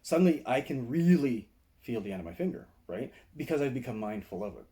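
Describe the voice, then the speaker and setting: A man's voice: mid-range voice, very animated, brisk, warm tone. A man giving a casual seated video lecture on meditation and martial arts indoors, talking conversationally and checking in with "right?" and "okay?".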